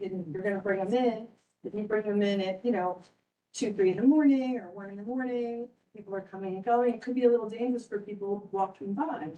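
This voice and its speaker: A woman's voice: medium pitch, mellow, recorded from a distance, rough recording. A woman, a local resident, asking questions at a community meeting, hesitant with many fillers. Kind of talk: public comment at a meeting.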